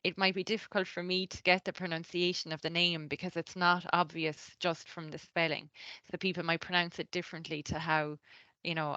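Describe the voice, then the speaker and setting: An Irish woman with a lowish, bright and crisp voice talks through a training session, explaining each point patiently and pausing on filler ums. The sound is dry and a little dull, like a lo-fi recording. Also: dry recording. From Ireland. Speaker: cultural awareness trainer.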